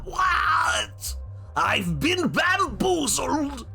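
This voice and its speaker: A manic cartoon clown villain, pitched high and shrill. The delivery is exaggerated and wailing, with big melodramatic swoops and a forceful, bright edge. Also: male voice, big pitch swings, extremely slow, vocal fry, soft background music, full character voice. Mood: theatrical wailing. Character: manic, theatrical comic-book supervillain clown.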